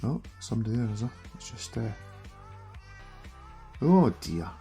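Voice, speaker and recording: A man's voice: medium pitch, very animated, unhurried, dark tone, soft background music. A middle-aged man with a broad Scottish accent, giving chatty, self-deprecating live commentary as he plays games. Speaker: streamer reviewing a gaming handheld. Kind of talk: casual live gameplay commentary.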